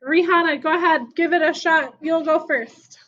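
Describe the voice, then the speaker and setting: A woman's voice: very high voice, steady tone, normal speed, a bit bright. A woman teaching young children in an online class, upbeat and encouraging, over a video call. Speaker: elementary school teacher. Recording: dull lo-fi video call audio.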